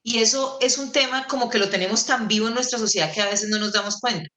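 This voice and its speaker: A Colombian woman storyteller giving an animated, theatrical lecture over a video call. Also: fairly high pitch, quick pace. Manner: theatrical, playful, shifting into put-on voices. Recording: echoey room.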